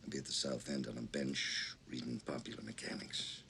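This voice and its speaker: A gravelly caller leaving a voicemail. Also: male voice, a bass voice, steady tone, brisk, heavy background noise. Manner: leaving a voicemail, clipped and businesslike. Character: terse man leaving a voicemail to set up a paid hit. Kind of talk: film drama acting.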